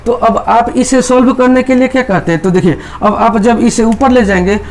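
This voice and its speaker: Man, maths teacher, high pitch, repetitive step-by-step explaining. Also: normal speed, a little mellow, a little hiss or hum. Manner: repetitive, explains step by step, voices students' doubts. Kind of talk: chalkboard maths lesson.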